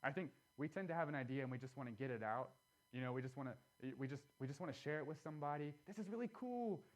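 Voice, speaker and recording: A man preaching a sermon in a church, conversational and earnest, with animated asides. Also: mid-range voice, rapid-fire. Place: church sanctuary.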